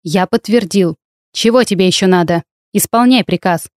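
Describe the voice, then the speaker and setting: A woman's voice: on the low side, normal speed, darkish tone, dry recording, studio quality, close to an everyday voice. A woman voicing an arrogant, vengeful male healer who gives curt, imperious orders in an audiobook fantasy tale. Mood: commanding.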